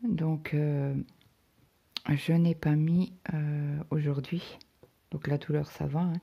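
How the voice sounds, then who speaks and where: Middle-aged woman, craft vlogger, casual rambling chat with lots of "euh", low voice with a husky edge. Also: steady tone, takes it slowly, lo-fi sound. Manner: rambling storytelling full of "euh" fillers.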